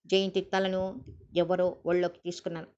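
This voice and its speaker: A woman narrating an audiobook in a steady reading voice, on a dull lo-fi recording. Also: on the low side, moderate pace, smooth.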